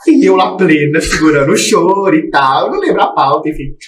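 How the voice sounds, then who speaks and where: A man's voice: a little high, brisk, far from the mic. A man, a podcast host telling stories theatrically in casual chat. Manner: expressive, theatrical storytelling. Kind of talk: casual chat among friends. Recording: roomy, off-mic sound.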